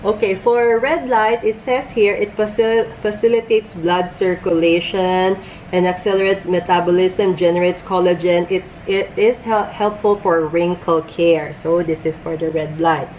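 A woman in her thirties talks casually through a product review while wearing a face mask, her voice sitting a little low. She restarts words as she goes, and English is not her first language. Faint hiss sits behind her in a room at home. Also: fairly even intonation, a little slow, a little mellow, poor audio. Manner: chatty, hesitant, restarts words. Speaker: beauty vlogger. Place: home room by a bright window.

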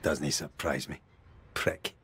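A man's voice: extremely low pitch, little pitch movement, slow, noisy background. A man playing a terse, down-to-earth Scottish oil rig electrician in a naturalistic video game. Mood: dry, weary.

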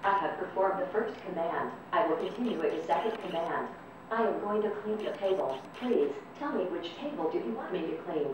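A synthetic female text-to-speech voice of a service robot, speaking in a flat, formal, evenly paced way. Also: on the low side, fairly quick, recorded from a distance, muffled recording. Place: indoor robot test arena. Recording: echoey room, heard from afar, noisy.

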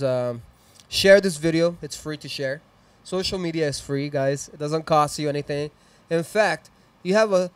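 The recording is dry, and the man's voice is smooth and a little high. In his thirties and Mexican-accented, he hosts a live music stream from a small decorated indoor studio, chatting loosely into a handheld mic with upbeat, rambling shout-outs and plugs for sponsors and socials.

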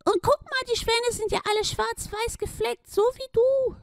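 A woman voicing an excitable young duck who keeps pointing out wonders in a squealing, awestruck way. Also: very high-pitched, normal speed, creaky, no room sound, clean studio sound, voice pushed up. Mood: amazed. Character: excitable young stranded duck, wide-eyed.

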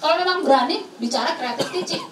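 At a student camp session, a woman gives a talk, acting out dialogues with children, slipping in English phrases and laughing often. Her high voice moves quickly, and she sounds far from the mic in a roomy hall with faint noise.

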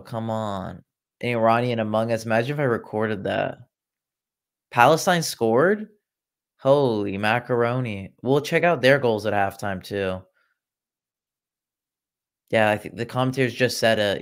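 A man's voice: mid-range voice, smooth. A young man from Iran hosting a casual football watchalong livestream, chatting and reacting to viewer comments with sarcastic asides. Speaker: livestream host. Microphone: laptop.

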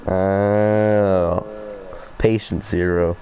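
A young man casually bantering with a friend while streaming a shooter game, teasing him and breaking into excited yelps. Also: deep voice, drawn-out words, highs cut off, slight background noise.

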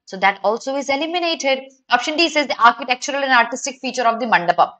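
A young adult woman with an Indian accent teaches an online exam lesson, speaking fast in a high, expressive, fairly bright voice. She addresses students directly, walks through the options with emphatic questions, and switches between Hindi and English.

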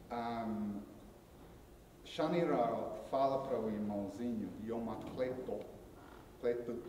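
A man lecturing on anthropology and telling a myth at an unhurried pace. He pauses often and adds little tag questions as he goes. His voice is heard from a distance in a large hall, with a long reverb and faint background noise. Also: mid-range voice, warm tone. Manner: halting storytelling with frequent tag questions and pauses.

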